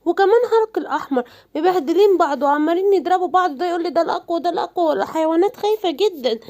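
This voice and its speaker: A woman voicing a panicked lioness mother in a cartoon, with an Egyptian Arabic accent and a loud, hurried manner. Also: very high-pitched, animated, voice pushed up.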